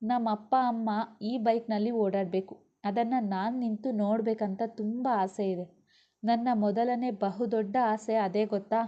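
A woman's voice: on the high side, fairly even intonation, normal speed, natural voice. A woman voicing an earnest young woman who speaks tenderly about her father. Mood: heartfelt. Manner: heartfelt, tender. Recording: dull lo-fi recording.

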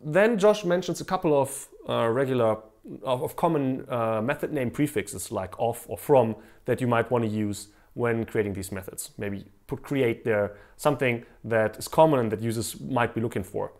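A man's voice: mid-range voice, moderate pace. A man in his thirties teaching programming, explaining code with frequent restarts and fillers. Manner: lively, lots of restarts and uh fillers while explaining. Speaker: programming educator. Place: living room indoors, also outdoors in a park.

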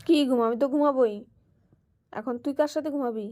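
Woman with a high voice; casual home chat, coaxing and scolding a pet. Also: a little fast, mellow. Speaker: pet owner.

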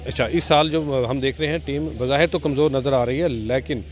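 An older man thinks his answers through and speaks in a deliberate way. He is recorded with a handheld mic out on a stadium ground at night. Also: mid-range voice, dull audio. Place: outdoor cricket stadium at night.

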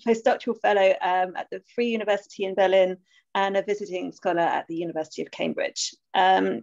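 A woman's voice: medium pitch, gravelly, a little mellow. A woman with an Essex accent chairing an academic webinar over a video call, hesitant, with many fillers and restarts. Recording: dull lo-fi call audio.

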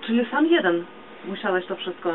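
A woman's voice: mid-range voice, big pitch swings, fairly quick. A woman hosting a radio interview in a small studio, asking questions of a guest. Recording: dull lo-fi camera recording, clear noise.

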